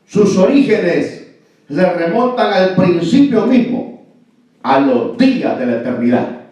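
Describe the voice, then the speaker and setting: A man from El Salvador preaches as a pastor in a high, warm voice, very animated yet slow-paced. Emphatic throughout, he keeps asking "amén" and "¿verdad?". It's a very echoey, muffled church recording made from a distance.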